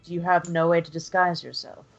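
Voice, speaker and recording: Low-voiced woman, slightly muffled. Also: fairly even intonation, a little fast, vocal fry. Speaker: player. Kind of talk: in-character tabletop role-play. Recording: muffled sound with music behind. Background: music.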